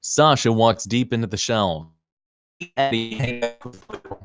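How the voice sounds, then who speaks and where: Over music, a man with a mid-range voice reads the stage directions at a table read, a little slowly. The scripted screenplay narration is theatrical and clipped, written in the present tense.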